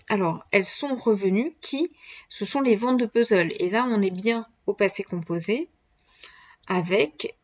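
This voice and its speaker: A woman's voice: mid-range voice, muffled recording. A woman teacher giving a dictation, spelling words letter by letter and patiently explaining grammar as she goes. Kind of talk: dictation lesson.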